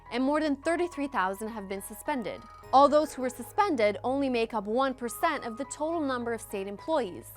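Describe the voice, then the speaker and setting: A woman with a fairly high voice narrates a scripted news report. She phrases facts deliberately in short segments, with music playing faintly underneath. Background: background music.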